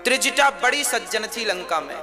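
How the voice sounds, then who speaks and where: A man's voice: sits high, expressive, moderate pace. A male preacher telling a devotional story as a sermon, dramatic and full of rhetorical questions. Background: instrumental music.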